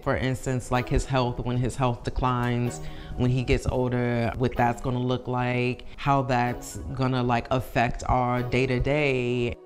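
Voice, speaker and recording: A woman in her thirties talking candidly and upbeat in a documentary interview, recorded with a clip-on mic. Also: extremely low pitch. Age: 30s.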